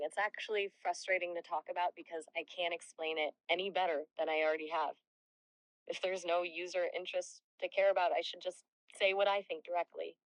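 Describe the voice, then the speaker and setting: A woman's voice: low voice, poor audio. A woman's synthetic voice as an AI assistant, answering interview questions in a reflective, candid way. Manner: reflective, candid, soft-spoken. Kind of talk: conversational answers.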